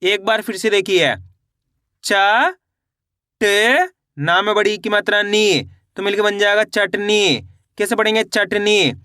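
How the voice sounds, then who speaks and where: A man teaching children's reading, slowly sounding out each syllable and asking the viewer how to read each word. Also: high voice, sharp tone, no room sound, clean studio sound. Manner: slow syllable-by-syllable, repeats questions to viewers. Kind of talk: spelling-out reading lesson.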